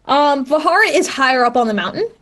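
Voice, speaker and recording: A woman game master narrating a tabletop game casually, halting and rephrasing as she thinks aloud. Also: sits high, animated, a bit bright.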